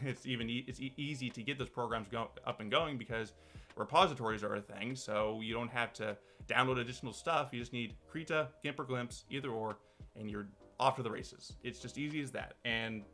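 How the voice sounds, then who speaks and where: This channel host has a bright, forceful, mid-range voice. He delivers casual talk-to-camera commentary that rambles loosely and restarts often.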